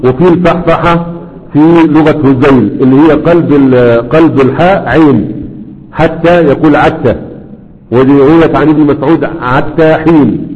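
A man's voice: on the high side, normal speed, lo-fi sound. Man lecturing in an echoey hall. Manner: explains and checks in with students often. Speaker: teacher. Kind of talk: classroom lecture.

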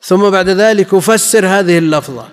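A man giving a classical religious lesson, measured and explanatory, often repeating key phrases for his listeners. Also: high voice, smooth, soft background music. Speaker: Islamic scholar teaching hadith commentary. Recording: long reverb in a large hall.

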